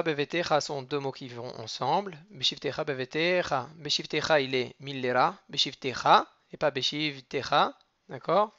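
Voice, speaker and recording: A man leads a cantillation lesson at a very unhurried pace, chanting each phrase and then explaining it word by word. His voice is bright and sharp, close and dry, with no room around it. The recording is a little muffled and lo-fi. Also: a little high, no room sound. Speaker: teacher of Torah reading.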